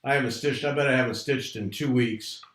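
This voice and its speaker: A man's voice: mid-range voice, fairly even intonation, a little fast, fairly bright tone. Man in an echoey room, chatty host. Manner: chatty, rambling. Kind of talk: casual livestream chat. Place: room at home, not soundproofed.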